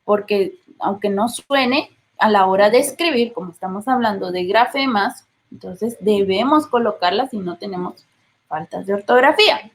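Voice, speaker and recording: A woman's voice: mid-range voice, normal speed, rough recording. A woman teacher with a Guatemalan accent giving a patient classroom lecture, often checking in with her listeners. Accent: Guatemalan Spanish. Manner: explains patiently, checks in with frequent rhetorical questions.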